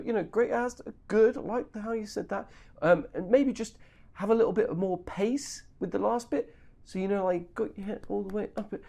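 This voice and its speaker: A man playing a dithering, overpolite casting director who fills his notes with ums. His pitch moves in lively swoops. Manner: hesitant, full of ums, fussy notes.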